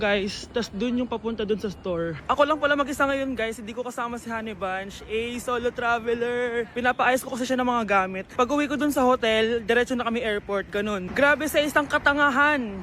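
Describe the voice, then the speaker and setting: A woman's voice: a little high, fairly quick, few pauses, fairly bright tone, slight background noise. A woman vlogging anxiously and chattily to her viewers while out in city streets and the subway, filming on a handheld phone. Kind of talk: travel vlog.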